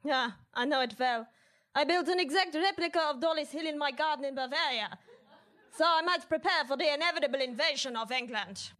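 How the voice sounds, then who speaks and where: A woman's voice: high voice, fairly quick, bright, forceful tone. A woman voicing a scheming female Nazi villain with a put-on German accent in a comedy audio drama, menacing and gloating.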